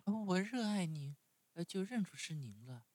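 A man voicing an eager, excitable wooden puppet boy in a high squeaky voice, often starting with a hesitant "uh". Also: moderate pace, no room sound. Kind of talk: bedtime story reading.

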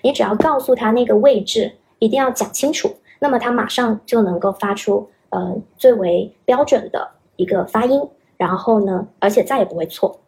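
A woman's voice: medium pitch, moderate pace, creaky, darkish tone. A young woman, an English teacher, patiently explaining pronunciation as a podcast guest and demonstrating sounds as she goes. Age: young adult.

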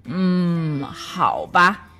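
A woman voicing a timid old grandfather horse, speaking slowly and hesitantly. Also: lowish voice, expressive, sharp tone, faint music behind, pitched below the performer's own voice, heavily acted. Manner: slow and hesitant.

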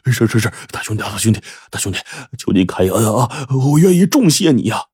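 A man's voice: on the low side, big pitch swings, brisk, darkish tone, slightly rough, no room sound, clean studio sound, full character voice. A man voicing a terrified old male landlord who stammers and pleads for mercy. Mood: pleading.

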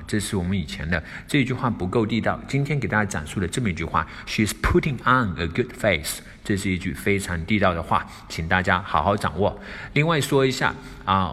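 Lively low-voiced man teaching English, reverby room. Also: slightly rough. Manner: lively, repeats phrases slowly for practice. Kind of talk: explaining English phrases. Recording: long reverb.

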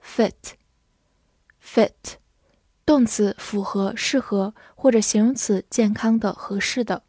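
A woman reading an English vocabulary review. She says each word twice in a deliberate way, then gives its part of speech and meanings. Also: medium pitch, mellow, dry recording, clean studio sound.

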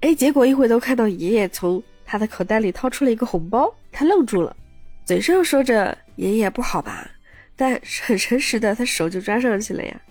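A woman's voice: a little high, lively intonation, a little fast, darkish tone, dry recording, faint music behind. Chatty woman storyteller, dry close sound. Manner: chatty, with personal asides to listeners. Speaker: podcast host. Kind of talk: casual story retelling.

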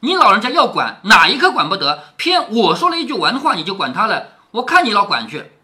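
Storybook young maid, offended and sneering, read by a man, a bit higher. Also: wildly swooping pitch, fairly quick, sharp tone, full character voice. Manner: cold sneering retort.

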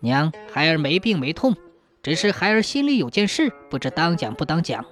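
Brief: a stubborn, troubled teenage boy in an old folk tale, as a woman storyteller acts him out, with a blunt, lively delivery. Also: deep voice, normal speed, faint music behind, voice pushed down. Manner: blunt, defiant, then pleading.

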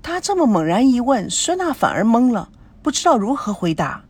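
A woman narrating a romance novel as an audiobook in an expressive, sing-song way. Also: on the high side, moderate pace, husky.

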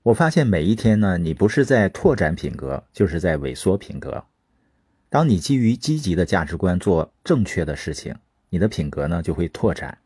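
A man speaks in an earnest motivational monologue, his voice low and a little breathy. His delivery swings widely in pitch, and the sound is close and dry. He draws listeners in with rhetorical questions. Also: very animated, moderate pace, darkish tone, dry recording.

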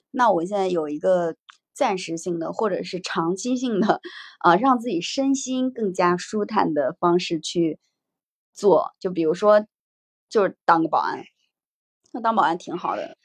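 Woman host, reflective casual talker, low voice, dry close sound. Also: no echo. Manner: reflective, reads out comments. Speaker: podcast host. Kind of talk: casual livestream discussion.

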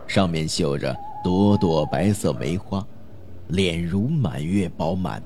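A man narrating a spooky folk tale in a measured, dramatic way. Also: low-pitched, mellow, a little hiss or hum. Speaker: storyteller.

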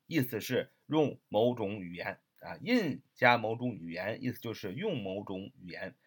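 A man's voice: medium pitch, fairly bright tone, breathy edge. A man teaching English vocabulary in a recorded lesson with a Mandarin Chinese accent, patiently repeating words and spelling them out letter by letter.

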